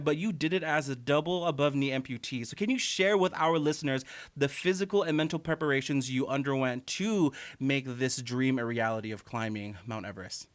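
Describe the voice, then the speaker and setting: Upbeat male radio host. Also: a little high. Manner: enthusiastic, with many fillers and restarts. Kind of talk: radio interview. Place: radio studio.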